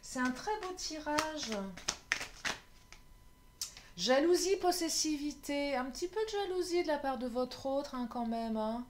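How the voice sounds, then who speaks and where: A woman gives a relaxed love tarot reading into a close mic. She talks slowly in a fairly high voice. She chats, laughs often and sometimes stumbles over her words. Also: a little hiss or hum. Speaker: tarot card reader.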